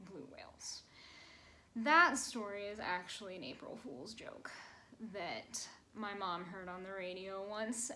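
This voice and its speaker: A woman's voice: a little high, low-quality recording. Woman telling a children's sermon at home. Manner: gentle storytelling to children, playful exaggeration. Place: small bedroom at home.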